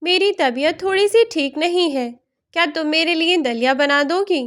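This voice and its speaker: A woman voicing a hurt, gentle older mother-in-law in a storybook tale, speaking in a pleading way. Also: very high voice, normal speed, pitched above the performer's own voice.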